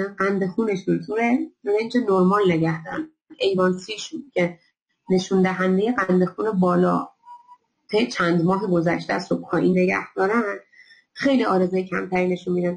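A woman giving a recorded health lecture over slides, explaining step by step and pausing often on fillers. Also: mid-range voice, vocal fry, low-quality recording. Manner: explanatory, many filler pauses.

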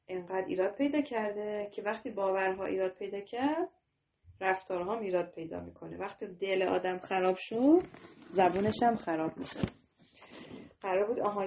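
A woman's voice: mid-range voice, a little mellow, lo-fi sound, slight background noise. A woman teaching a religious lesson to children on a video call. She talks straight to her students and asks them questions. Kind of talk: online class to children.

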